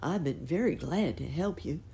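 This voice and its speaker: A woman voicing a gentle, humble male pig who thinks he is ugly, speaking modestly and plainly. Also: sits low, expressive, moderate pace, vocal fry.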